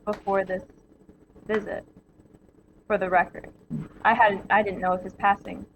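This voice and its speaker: A woman speaking in character during a murder mystery game, hesitant and full of pauses. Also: medium pitch, flat delivery, slight background noise, rough recording. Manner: hesitant, many ums, giggly.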